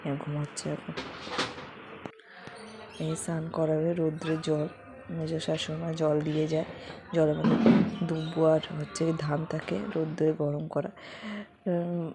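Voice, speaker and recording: Soft-spoken young woman vlogging at home. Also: sits low, gravelly. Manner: talks quietly and slowly, keeping her voice down. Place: home in a leafy rural area. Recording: noisy home recording with ambience.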